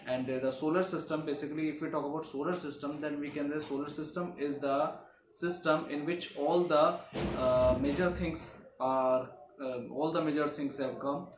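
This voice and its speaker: A man's voice: a little high, fairly even intonation, moderate pace. Man, teacher, classroom lecture, "okay" and "uh" fillers, echoey room, faint hiss. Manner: frequent "okay" and "uh" fillers, repetitive explaining.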